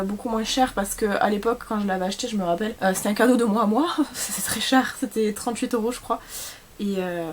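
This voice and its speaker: A young beauty vlogger from southern France, with a southern French accent, chats casually through a makeup tutorial, rambling with lots of fillers and asides. Her voice is medium in pitch, with a little hiss or hum.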